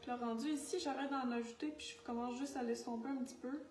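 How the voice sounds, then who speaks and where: A high-pitched woman with a Quebec French accent chats her way through a makeup tutorial, a little scattered and quick to poke fun at herself. Her voice bounces around an echoey room, with faint music playing underneath. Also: steady tone, recorded from a distance. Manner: chatty, scattered, self-mocking, talks while working. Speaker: makeup artist. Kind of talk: makeup tutorial, casual talk to camera.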